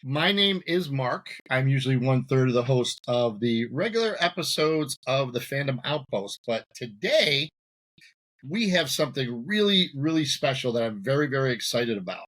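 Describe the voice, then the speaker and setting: Man, podcast host, casual, chatty, prone to giggles, mid pitch. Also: expressive, moderate pace, fairly bright tone. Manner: giggly, self-deprecating, chatty. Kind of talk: casual chat.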